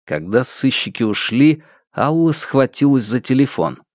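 A male audiobook narrator reading in a slow, measured way. His voice sits a little high and moves with lively, wide inflection. The recording is close and dry. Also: dry recording. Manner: measured, expressive storytelling. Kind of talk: scripted narration.

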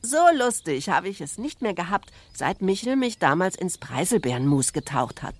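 A woman voicing a small, cheeky farm girl who calls out in a shrill, excited voice. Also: moderate pace, breathy edge. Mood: delighted.

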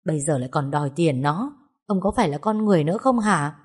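A distressed middle-aged wife scolds and pleads in turn in an audio story, as a woman reads her. Her voice sits fairly low. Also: animated, fast talker, husky. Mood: upset.

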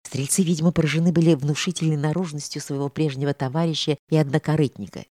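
A woman reading an audiobook of a historical novel in a measured, expressive storytelling manner. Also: sits low, slight background noise. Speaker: reader.

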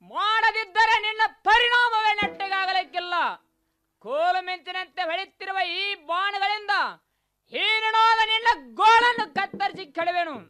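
A man's voice: very high voice, sharp tone, heavily acted. A man voicing a proud young warrior prince in a mythological radio play, declaiming in rhythmic heroic verse. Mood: defiant.

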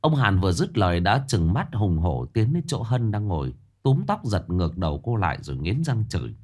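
Male storyteller, low voice, animated dramatic narration. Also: fairly quick, breathy edge. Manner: expressive, emotive storytelling. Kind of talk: dramatic scripted narration of a village tale.

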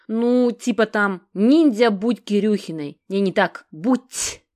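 A woman's voice: medium pitch, slow, darkish tone, pitched above the performer's own voice, lightly acted. Woman voicing a mumbling, chatty good-natured guy. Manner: mumbling, rambling, nosy. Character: chatty good-natured young man, a clumsy joker. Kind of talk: audiobook character voice.

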